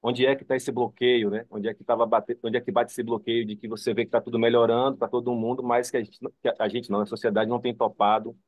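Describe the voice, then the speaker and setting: A man's voice: medium pitch, flat delivery, fast talker, no room sound. A man with a Bahian Brazilian accent, making an informal, rambling comment as a participant in an online seminar. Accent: Bahian Brazilian Portuguese. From Salvador, Bahia, Brazil. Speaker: seminar participant, psychoanalysis student.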